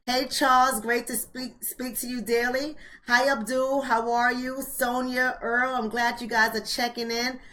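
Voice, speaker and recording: Hosting a casual book club livestream, a roughly forty-year-old American woman talks straight to her audience, colloquially repeating phrases for emphasis. She speaks a little slowly with few pauses, in a slightly high, level, bright and forceful voice.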